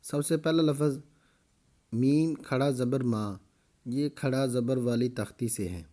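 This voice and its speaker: A man teaching Quran reading, slowly spelling out each letter and vowel, then briskly explaining the rules. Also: mid-range voice, mellow. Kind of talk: slow spelling-out recitation lesson.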